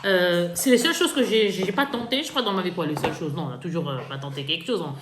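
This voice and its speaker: Speaking quickly with a voice on the low side, a woman vlogs about her makeup haul in a chatty, upbeat way, full of laughter and self-mockery. Her room echoes and there's a faint background noise.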